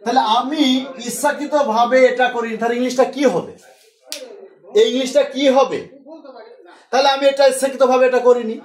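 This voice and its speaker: A man's voice: extremely high pitch, fairly even intonation, normal speed, long pauses, roomy sound. A man with a Bengali accent teaching English to a class, mixing Bengali and English and drilling students with call-and-response.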